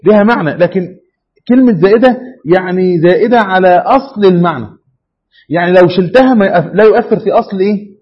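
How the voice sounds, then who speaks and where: A man's voice: high voice, fast, breathy edge. A man with an Egyptian Arabic accent teaching a class as a sheikh, quizzing students and repeating himself to make them focus. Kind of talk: classroom lesson with questions to students. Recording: dull lo-fi classroom recording.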